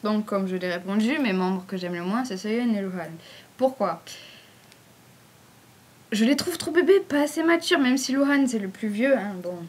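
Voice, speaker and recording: A woman's voice: medium pitch, lively intonation, moderate pace, a little mellow, slightly rough. A woman with a southern French accent answering fan questions in a casual, rambling vlog, full of fillers. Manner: chatty, rambling, frequent fillers.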